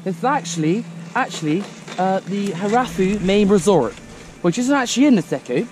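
A man's voice: high-pitched, lively intonation, moderate pace, background noise. A young man vlogging on a night ski trip, joking and laughing as he talks into an action camera. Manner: jokey, laughing while talking. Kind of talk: casual vlog chat. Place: ski resort at night, indoors and outdoors.

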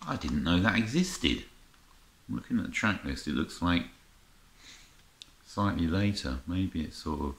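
This time his voice sits low with lively intonation, a little slow and full of pauses, as the middle-aged vlogger casually presents his music haul off the cuff. Browsing among record-lined shelves indoors, he mutters asides and lets out exclamations. Expect roomy echo, faint background noise, and clicks from handling.

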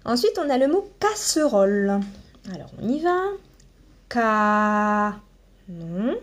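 A woman teaching a phonics lesson to young children, slowly sounding out each syllable with long buzzing sounds and checking in with them after each point. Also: a little high, very animated, darkish tone. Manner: slow, deliberate, sounds out syllables with drawn-out buzzing. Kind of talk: primary-school phonics lesson.

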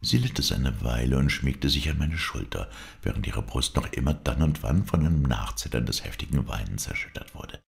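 A man narrating a classic story as an audiobook in a measured, dramatic way. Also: a bass voice, very animated, gravelly. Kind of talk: scripted first-person narration of a classic story.

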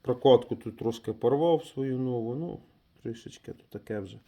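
A man's voice: medium pitch, normal speed, mellow. Man thinking aloud at the workbench. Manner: thinks aloud while working, trailing off and restarting; talks to viewers as friends. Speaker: DIY mechanic vlogger. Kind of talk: casual hands-on repair commentary.

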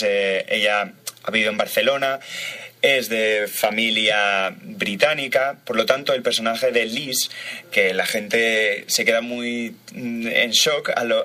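A male actor as a guest in an interview, talking haltingly with many restarts. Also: medium pitch, sharp tone. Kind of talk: casual interview.

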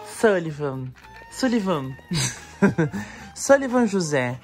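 A woman's voice: on the low side, big pitch swings, extremely slow, a little mellow. A mother filming her baby twins, talking to them in playful, cooing baby talk and chatting to viewers. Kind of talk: casual home video chat. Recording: clear background music.

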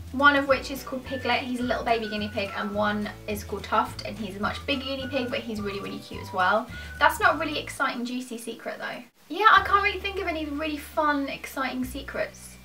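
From a small furnished room at home, a British YouTuber in her twenties answers questions to camera in a casual, rambling, self-deprecating manner. Her voice sits high, bright and forceful, captured by a distant mic.

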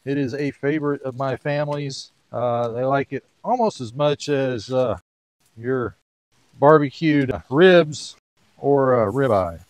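A man's voice: medium pitch, unhurried, no room sound. Easygoing man explaining his grilling, dry sound. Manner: easygoing, chatty, step-by-step explaining. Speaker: pool designer giving grilling tips. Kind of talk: casual how-to cooking vlog.

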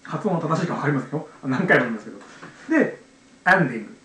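A man in his forties from Japan explains pronunciation in a casual, hesitant monologue, leaning on fillers and slowly sounding out letters. His pitch sits a little high and swings widely. The recording is roomy and echoey. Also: lively intonation, a bit bright, slight background noise. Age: 40s. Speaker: channel host, English learner.

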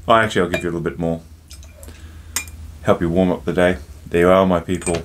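A man's voice: deep voice, fairly even intonation, quick pace, a little hiss or hum. A man hosting a casual drinks review vlog, chatty and jokey, talking straight to his viewers and telling a joke along the way.

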